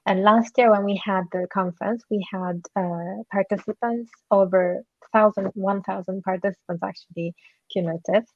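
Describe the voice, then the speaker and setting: A woman's voice: mid-range voice, steady tone, normal speed, no echo, dull audio. A woman from Japan answering as a panelist, speaking earnestly and thoughtfully with fillers and small self-corrections. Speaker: panelist, co-founder of an activist group.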